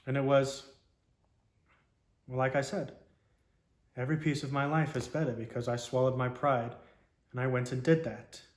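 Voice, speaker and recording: Brief: male veteran, mid-pitched, halting and reflective, echoey room sound. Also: fairly even intonation. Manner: reflective, halting, frequent "you know". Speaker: military veteran interviewee. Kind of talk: personal testimony interview. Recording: roomy echo.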